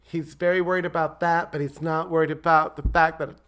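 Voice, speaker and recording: A man's voice: fairly high pitch, little pitch movement, a little fast, a bit bright, clean tone. A man co-hosting a casual podcast, trading dry, sarcastic quips. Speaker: podcast co-host.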